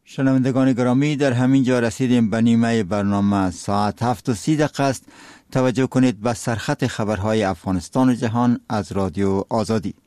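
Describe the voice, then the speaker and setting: A man's voice: mid-range voice, steady tone, very noisy. A man with an Afghan accent reads a scripted news bulletin in a solemn, formal manner. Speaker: radio newsreader. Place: radio studio.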